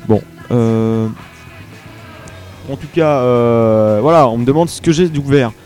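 A man's voice: mid-range voice, a little slow, warm tone, faint music behind. A young man from France hosting a live web radio show in casual chat, hesitant and full of fillers and restarts.

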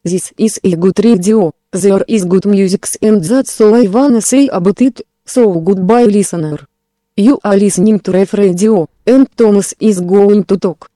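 A woman with a strong Russian accent speaks in a very dark, mellow voice. She delivers a scripted station promo in slow, carefully spaced English. The sound is dry and close. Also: mid-range voice, no echo. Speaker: station voice clip.

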